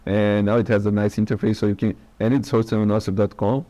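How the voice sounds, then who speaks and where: A man's voice: on the low side, flat delivery, brisk, dark tone. A man guesting on a tech podcast, brief and laconic with dry sarcastic humor. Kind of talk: casual tech chat.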